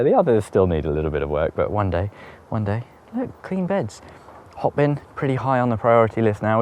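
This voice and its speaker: A deep-voiced man chats his way round an allotment, his pitch jumping up and down as he talks. He is wry and self-mocking, with faint outdoor air behind him. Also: darkish tone, a little hiss or hum. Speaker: allotment vlogger. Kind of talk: casual walk-and-talk.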